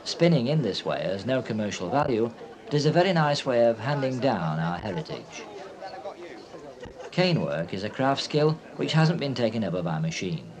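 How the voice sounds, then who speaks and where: A man reading scripted documentary narration in a measured, informative way. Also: medium pitch, sing-song, a crowd in the background. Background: music.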